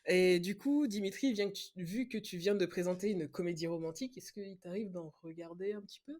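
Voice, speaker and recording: A woman's voice: fairly low pitch, fairly quick, darkish tone. A woman co-hosting a podcast, chatting casually with friends and laughing often as she explains her pick. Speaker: podcast co-host presenting a film pick. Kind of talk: casual chat among friends. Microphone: online call setup.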